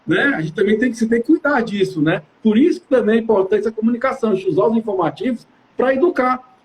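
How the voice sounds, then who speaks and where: A man's voice: high-pitched, lively intonation, quick pace, a little hiss or hum. A man from Brazil, a building manager, chatting animatedly and casually on a live stream, slangy and talking straight to his audience.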